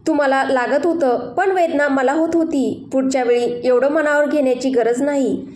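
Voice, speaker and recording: A woman voicing an innocent, affectionate young wife with a gentle, coaxing way of talking, in a storybook reading. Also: sits high, fairly even intonation, moderate pace, natural voice. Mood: sweet. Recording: roomy echo.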